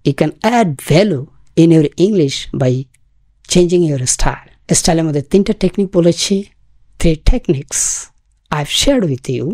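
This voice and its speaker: A woman from Bangladesh teaching spoken English, mixing Bengali with slow, deliberate English examples. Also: deep voice, expressive, darkish tone, no echo, studio quality.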